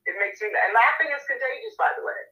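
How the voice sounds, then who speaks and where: A woman co-hosting a casual chat, talking in an animated, lively way with many fillers. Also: sits high, fast, lo-fi sound. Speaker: co-host.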